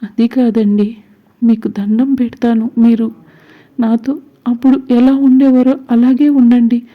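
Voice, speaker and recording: A woman's voice: on the high side, level tone, a little slow, narrow, tinny audio, lightly acted. A woman voicing a timid young woman who politely pleads. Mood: pleading.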